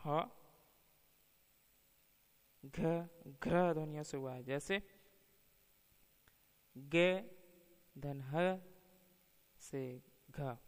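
A man giving a measured academic lecture, slowly listing word pairs one by one. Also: on the high side, fairly bright tone. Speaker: teacher. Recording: long reverb.

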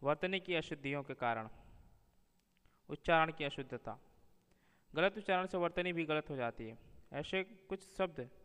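A man teaching a grammar lesson, reading pairs of words slowly and deliberately, one after another. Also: fairly high pitch, animated, fairly bright tone, clear, resonant tone. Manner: slow, deliberate word-by-word reading of spelling pairs. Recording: long reverb.

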